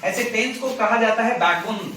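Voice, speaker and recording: A man's voice: high-pitched, measured pace, pushed and bright. A male grammar teacher, lecturing a class and quizzing students with repeated questions. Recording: very echoey classroom, distant mic, noisy.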